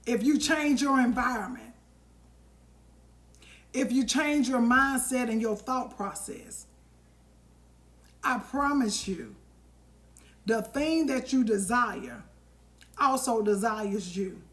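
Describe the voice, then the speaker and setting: A woman's voice: fairly high pitch, slow pace, long pauses, fairly bright tone. A woman hosting a live stream, giving an emphatic, preachy motivational talk and addressing viewers directly with endearments.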